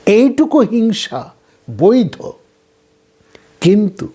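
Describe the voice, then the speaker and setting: A man giving a slow, measured philosophy lecture, often trailing off softly at the ends of his phrases. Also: high voice, big pitch swings, husky.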